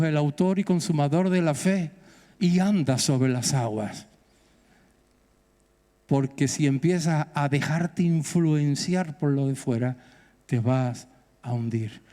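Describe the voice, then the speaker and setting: A middle-aged male pastor with a Peninsular Spanish accent exhorts his congregation, his fairly high voice surging into excited bursts. His sermon rings through a church hall with a long echo.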